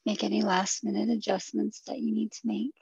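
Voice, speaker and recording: A woman leading a guided relaxation in a soft, husky, breathy voice that nears a whisper, soothing and gently instructive. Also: mid-range voice, flat delivery, a little fast, no echo, dull audio. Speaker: guided meditation leader.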